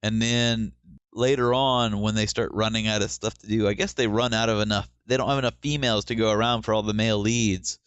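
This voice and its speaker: A man's voice: lowish voice, fairly even intonation, brisk, fairly bright tone, smooth, no room sound, lo-fi sound. A man co-hosting a podcast, chatting casually about TV shows and explaining his opinions at length. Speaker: podcast co-host.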